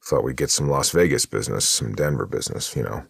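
A man voicing a quiet, reserved older widower who runs a motel, in an audiobook. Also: a bass voice, fast talker, creaky, husky, no room sound, clean studio sound, exaggerated voice. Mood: subdued. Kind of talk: audiobook narration.

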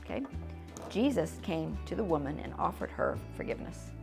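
A woman's voice: low voice, expressive, fairly quick, gravelly, faint music behind. A middle-aged American woman teaching a children's church lesson in a classroom, chatty and informal, with easy laughs. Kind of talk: casual teaching demonstration. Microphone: fixed camera, mid distance.

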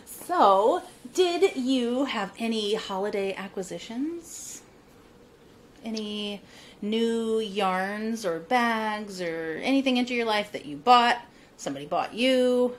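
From a room at home lined with bookshelves, a woman in her thirties hosts a casual podcast over a video call using earbuds. She's upbeat and chatty and laughs often, her fairly high voice expressive and slow, with slight background noise.

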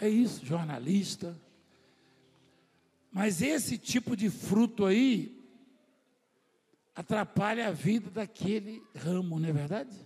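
Male preacher from Brazil, high and husky voice; slow emphatic sermon with soft asides, in a church hall with long reverb. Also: animated, soft background music. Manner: acts out the voices of people in his stories. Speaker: apostle preaching to his church.

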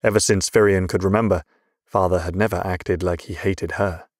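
A man reading a fantasy audiobook in a measured, even storytelling voice. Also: deep voice, no echo, studio quality. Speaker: audiobook narrator. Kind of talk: scripted narration.

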